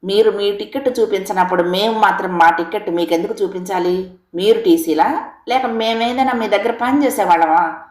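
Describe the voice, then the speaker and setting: A woman's voice: mid-range voice, moderate pace, natural voice. A woman voicing a stubborn older man who answers firmly and sharply, in an echoey room. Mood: defiant. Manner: firm, retorting, matching anger.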